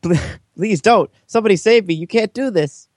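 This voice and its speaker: A man voicing a panicked teenage girl who begs in a frantic falsetto. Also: moderate pace, a little mellow, no room sound, studio quality, close to an everyday voice. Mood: pleading. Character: panicked teen girl gamer, pleading.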